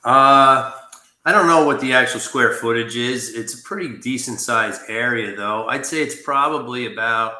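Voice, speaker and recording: A man's voice: medium pitch, normal speed, sharp tone. A man joining a town meeting by video call from an emptied office, his voice echoing as if in an echo chamber, talking in a plainspoken, meandering way. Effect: echoey sound, as if in an echo chamber. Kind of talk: casual meeting discussion. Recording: echoey empty room over a call.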